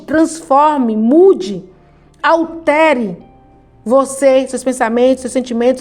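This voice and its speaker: A woman's voice: sits high, a little mellow. A woman with a Brazilian Portuguese accent giving a motivational lesson as a personal development instructor, emphatic and speaking straight to her listeners. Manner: emphatic, addresses listeners directly with repeated rallying phrases.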